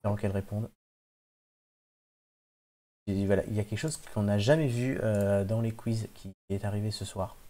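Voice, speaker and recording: A man's voice: fairly low pitch, fairly even intonation, moderate pace, long pauses, warm tone. A man hosting a casual quiz podcast who teases the players and builds mock suspense around their scores. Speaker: quiz host.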